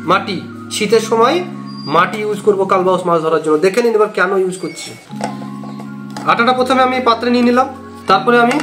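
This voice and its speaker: Fast-talking young man, earnest bait tutorial. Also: very high-pitched. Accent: West Bengal Bengali. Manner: repetitive, earnest instructional talk. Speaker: fishing channel host. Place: small indoor room. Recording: echoey room with background music.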